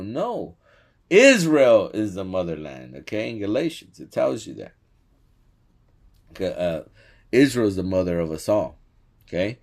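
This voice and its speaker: A man teaching scripture in casual commentary, laughing often and checking in with "okay?". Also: lowish voice. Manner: laughs often, animated, says "okay?" a lot. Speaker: religious teacher commenting on a clip.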